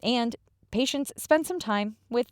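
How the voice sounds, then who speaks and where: A woman's voice: fairly high pitch, unhurried, no echo, clean studio sound. A woman hosting a podcast, narrating a scripted story in a conversational, explanatory way. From Pacific Northwest, US. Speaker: podcast host.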